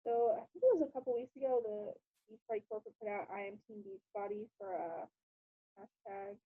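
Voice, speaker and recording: A woman's voice: medium pitch, normal speed, breathy edge, no room sound. A woman casually presenting on a video call to her team, hesitant and full of fillers. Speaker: presenter of an online team meeting. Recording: tinny phone-like call audio.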